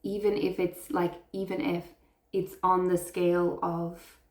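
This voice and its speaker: A woman's voice: fairly low pitch, little pitch movement, unhurried, darkish tone, roomy sound. A woman giving an intuitive tarot reading to her viewers, speaking in an earnest, affirming way and heaping praise on them. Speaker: tarot reader.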